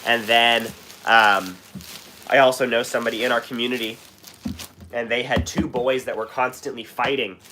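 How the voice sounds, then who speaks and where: Over some background noise, a young Washington State livestream host with a US West Coast accent answers viewers in casual live chat. His mid-range voice holds fairly even intonation at a normal speed, though he's sick, coughing, clearing his throat, and rambling with fillers and restarts.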